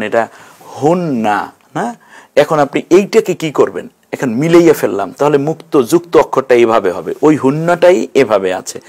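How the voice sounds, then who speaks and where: A man's voice: medium pitch, a little mellow. Man patiently teaching Quran reading. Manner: slow, syllable-by-syllable drilling of pronunciations; patient, encouraging. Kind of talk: online lesson.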